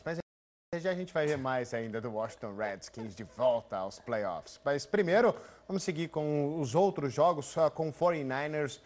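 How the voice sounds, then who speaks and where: A man's voice: on the high side, moderate pace, slight background noise. A man with a Brazilian accent hosting a sports show in a conversational presenting style.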